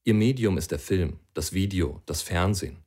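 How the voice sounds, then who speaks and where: A man's voice: deep voice, normal speed, darkish tone. A man reading an argumentative passage aloud in an earnest, persuasive way. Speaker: audiobook reader.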